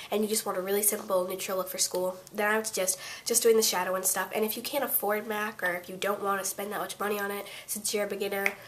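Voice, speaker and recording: A teenage girl with a blocked-up, congested voice from a cold talks through a beginner makeup routine at a middle pitch. She rambles, restarts her sentences and leans on fillers. A faint hiss of noise sits under her voice on the webcam mic. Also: fairly bright tone. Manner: rambling, chatty, full of fillers and self-corrections. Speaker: beauty vlogger. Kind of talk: casual makeup tutorial.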